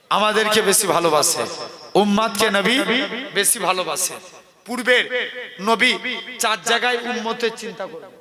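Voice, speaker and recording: High-voiced preacher over crowd noise. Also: male voice, long reverb tail. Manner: rhythmic chanting sermon delivery, addresses crowd directly. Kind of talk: sermon at a religious gathering.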